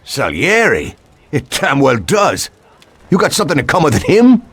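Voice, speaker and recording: An actor playing a tough, wary police detective in a game cutscene, talking bluntly. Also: male voice, fairly high pitch, wildly swooping pitch, moderate pace, a bit bright, husky, no room sound, full character voice. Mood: stern. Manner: blunt, tough street talk. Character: gruff male police detective, stern and wary. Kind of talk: video game cutscene acting.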